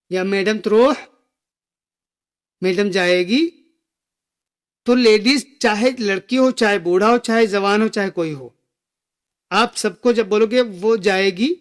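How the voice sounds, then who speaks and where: Man, language teacher, high-pitched voice, unhurried delivery, repeats phrases for learners. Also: fairly bright tone. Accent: Gulf Arabic phrases within Hindi speech. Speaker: Arabic teacher. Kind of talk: slow spoken language lesson.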